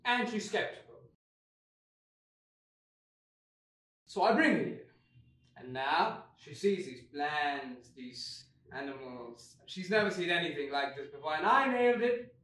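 A man's voice: a little high, big pitch swings, normal speed. A man playing a sardonic tiger ghost. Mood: fervent. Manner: wry, rambling storyteller, swings loud and soft. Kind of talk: solo stage monologue. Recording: echoey room, mic far off.

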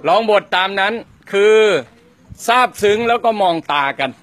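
A man's voice: sits high, lively intonation, moderate pace. A man directing actors on a music video set, giving cues and countdowns. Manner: coaching, loud countdowns and cues.

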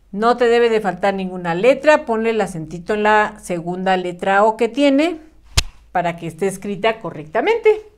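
A woman's voice: medium pitch, darkish tone. A woman teacher giving a patient writing lesson to young children, encouraging them and sounding words out syllable by syllable.

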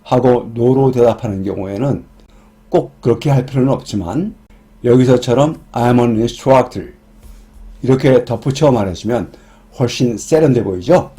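A man explaining English grammar in a scripted lesson, reading each example sentence slowly and deliberately. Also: medium pitch, dark tone. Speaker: English teacher.

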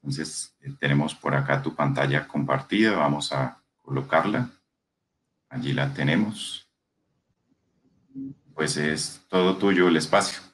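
Man, moderator, formal and unhurried, introducing a speaker, extremely low voice. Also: fairly bright tone. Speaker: event moderator.

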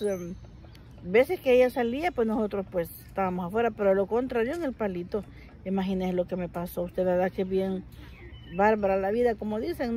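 A woman vlogger telling a childhood story to the camera in a casual, animated way, speaking to the listener formally. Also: fairly high pitch. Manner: frequent laughter while telling the story.

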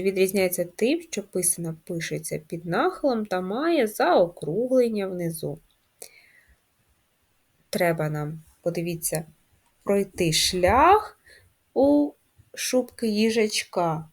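A woman primary school teacher gives slow, clear lessons to young children, patient and sing-song, asking questions and sounding out each letter one at a time. Her voice sits at a medium pitch with a slightly mellow quality.

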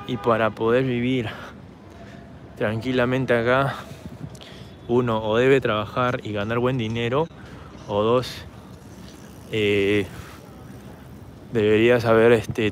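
A hoarse travel vlogger with a Peruvian Spanish accent, his throat worn from shouting, rambles chattily to his handheld camera while walking through a city park and streets at night. His voice sits at an ordinary mid pitch, and faint city traffic hums behind him.

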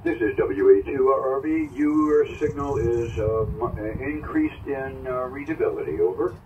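A man's voice: medium pitch, expressive, a little mellow. Man on a tinny ham radio call. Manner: measured phonetic spelling with fillers. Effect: heard over a ham radio receiver. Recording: tinny distant radio audio with static noise.

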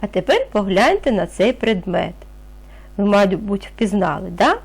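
A woman's voice: mid-range voice, sing-song, a little slow, breathy edge. A woman teaching a reading lesson to young children, patient and encouraging, asking questions and answering them herself. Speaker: primary school teacher.

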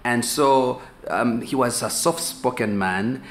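Talking to a camera positioned a few feet away in a medium shot, a Ugandan pastor in his forties gives a relaxed, talkative teaching sermon from a sofa in a small room. His mid-range voice moves slowly, and he gestures and repeats words as he thinks aloud. Faint hiss and echo color the recording.

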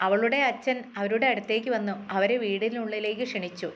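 Woman reading a story aloud, lo-fi. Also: medium pitch. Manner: steady, measured reading. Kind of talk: scripted story narration. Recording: dull lo-fi with faint hiss.

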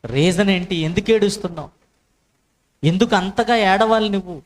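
Gentle questioning angels, voiced by a male preacher, repeated soft questions. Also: sits high, moderate pace, lightly acted.

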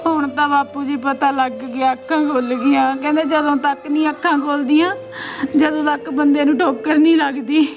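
A woman's voice: high-pitched, fairly even intonation, moderate pace, dull audio, music in the background. An actress with a Punjabi accent playing a young married daughter who pleads tearfully with her father.

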